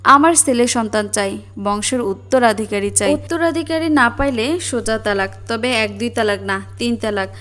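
A woman's voice: on the high side, moderate pace, fairly bright tone, lightly acted. Woman doing a stern older mother-in-law. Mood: stern threat. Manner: scolding, threatening, blunt.

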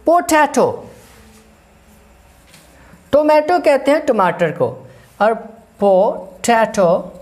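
A woman teaching an English grammar lesson, explaining slowly, repeating herself and spelling words out letter by letter. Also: a little high, very animated, a little mellow. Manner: slow, repetitive, spells out letters one by one.

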